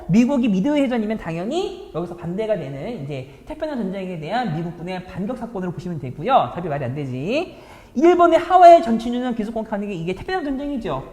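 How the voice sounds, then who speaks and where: A woman's voice: medium pitch, big pitch swings, fast talker, a little mellow, reverberant, big-room sound. A woman teacher walking students through exam problems in a chatty lecture, often checking in with rhetorical questions. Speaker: high school history teacher.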